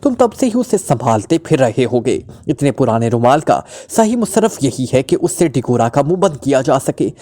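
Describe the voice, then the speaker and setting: A man's voice: medium pitch, sing-song, normal speed, hardly any pauses, warm tone. A man voicing a flippant, unflappable male detective who teases and mocks in a breezy way. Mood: friendly. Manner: breezy, mocking, teasing.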